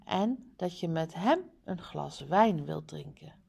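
A woman reading the lines of Aladdin, a determined young hero, slowly and plainly from a storybook. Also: sits low, animated, creaky, a little mellow, slightly rough, exaggerated voice. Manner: slow, plainly read dialogue.

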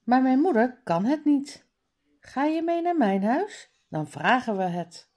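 An eager, cheerful young girl from a children's storybook speaks in a raised, lively voice that climbs and dips as a woman reading aloud puts her on. She talks slowly and brightly, full of excitement. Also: high voice, pitched above the performer's own voice, exaggerated voice.

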